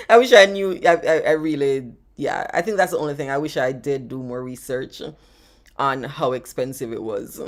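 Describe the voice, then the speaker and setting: A travel vlogger with a Jamaican accent answers live chat questions, chatting casually and rambling, often laughing and repeating words. She speaks unhurriedly in a bass voice.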